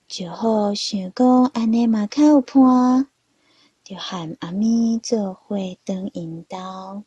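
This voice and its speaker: A woman narrating a children's story in a slow, gentle storytelling manner. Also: mid-range voice, breathy edge, no echo, dull audio.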